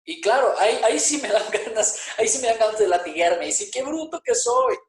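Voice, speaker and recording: High-voiced man preaching in an echoey church. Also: lively intonation, quick pace. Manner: emphatic, fires rhetorical questions at the congregation. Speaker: pastor. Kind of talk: sermon.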